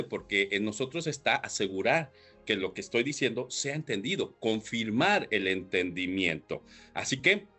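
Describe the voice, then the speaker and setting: A man hosting a leadership podcast, explaining points with rhetorical questions and frequent throat clearing. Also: medium pitch, fairly bright tone. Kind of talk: solo podcast talk.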